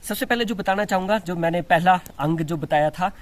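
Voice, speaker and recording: A male yoga instructor gives an instructional demonstration of yoga and breathing exercises, explaining step by step and showing the moves as he talks, with frequent restarts. His voice sits high and he speaks fairly quickly.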